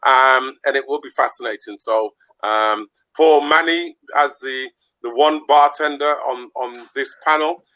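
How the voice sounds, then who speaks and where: A man's voice: medium pitch, unhurried, hardly any pauses, bright, forceful tone, poor audio. A man from the Caribbean hosting an online show in a chatty, rambling way, laughing often, speaking over a video call. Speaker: podcast host. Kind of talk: casual online show chat.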